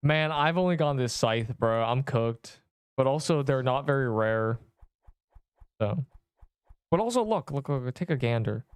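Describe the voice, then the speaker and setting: A young Canadian streamer with a subtle accent talks casually while gaming, rambling and breaking off his own sentences. His medium-pitched voice is expressive, a little slow, and full of pauses. The sound is clean with no room echo.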